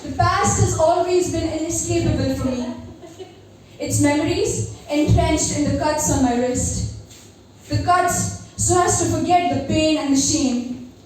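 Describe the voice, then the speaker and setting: High-pitched teenage girl poet, very echoey room. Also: unhurried, a little mellow. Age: teenager, seventeen. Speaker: amateur poet at a first open mic. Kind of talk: spoken-word poetry recital with personal introduction. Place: live open mic venue, recorded from a distance. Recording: very echoey room, distant mic, faint noise.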